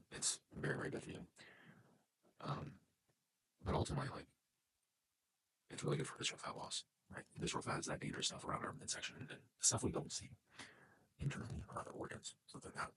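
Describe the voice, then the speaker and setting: A man's voice: extremely low pitch, big pitch swings, fast, creaky, a bit bright, a little hiss or hum. A man talking casually and loosely in a fitness vlog, with the odd swear. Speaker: fitness vlogger.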